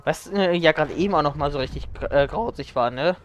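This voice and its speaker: A man livestreaming a game as a vtuber, chatting casually and thinking out loud as he plays. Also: a little high, fast talker, faint music behind. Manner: vtuber-style streaming chatter, thinking aloud. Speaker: livestreamer playing a zombie game. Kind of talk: casual German let's play commentary.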